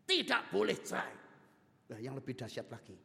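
A man preaching a sermon and telling a story in an emphatic, animated way. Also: medium pitch, moderate pace, gravelly, long reverb tail. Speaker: pastor.

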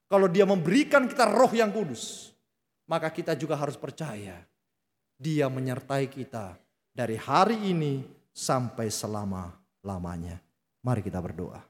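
A man preaching a sermon, telling stories and addressing the congregation directly. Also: fairly high pitch. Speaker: pastor. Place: church hall. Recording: long reverb of a large hall.

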